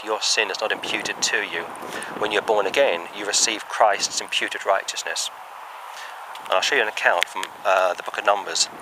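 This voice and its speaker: A man's voice: on the low side, background noise. A man preaching a sermon outdoors, earnest and emphatic, reading from the Bible between points.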